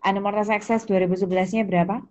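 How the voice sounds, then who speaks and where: An Indonesian woman runs an interactive online accounting lesson, calling on students by name, repeating key points and prompting them. Her mid-range voice is steady, a little mellow and rapid-fire. The audio is muffled and lo-fi with background noise.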